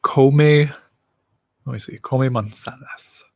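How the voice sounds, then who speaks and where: A man in his late twenties, talking through a mouthful of food, hosts a casual solo livestream full of rambling and self-deprecating humor. His mid-range voice is gravelly and darkish, slow, slightly lisped, and free of echo.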